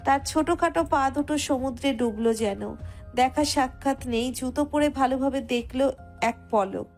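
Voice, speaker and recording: A woman with a high voice narrates a scripted romantic story. Soft music plays behind her reading. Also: normal speed.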